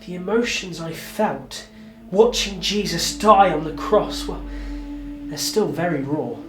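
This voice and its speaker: A man's voice: high-pitched, measured pace, over music. A man playing an apostle, narrating his memories in an earnest, reflective way. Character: older male apostle recalling his past. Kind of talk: dramatic narration.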